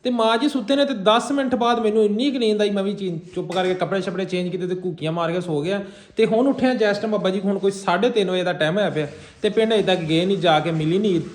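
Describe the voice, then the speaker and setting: A man's voice: high-pitched, steady tone, quick pace, roomy sound. A young man with a Punjabi accent chatting casually in a family vlog, teasing and laughing often. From Pakistan. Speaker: vlogger.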